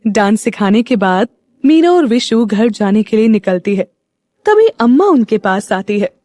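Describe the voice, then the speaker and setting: A woman narrating an audio story in a steady, even storytelling manner. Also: on the high side, unhurried, no echo.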